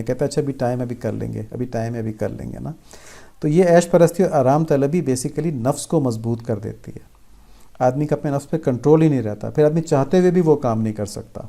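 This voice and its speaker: A man's voice: medium pitch, warm tone. A man giving a patient religious lesson, explaining step by step and repeating key phrases for emphasis. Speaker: religious teacher. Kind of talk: religious instruction talk.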